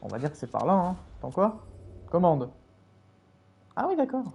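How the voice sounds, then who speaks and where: A man's voice: sits high, huge pitch swings, moderate pace, gravelly, a little mellow, faint music behind. A man casually commenting on a game he is playing, rambling with many fillers and chatting to his viewers. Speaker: streamer.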